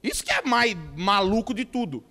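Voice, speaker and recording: A Brazilian man with a São Paulo state accent preaches a lively sermon, joking and acting out quoted people. His voice sits high for a man. The sound carries the long reverb of a church hall. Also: moderate pace. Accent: Brazilian Portuguese, São Paulo state. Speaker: pastor.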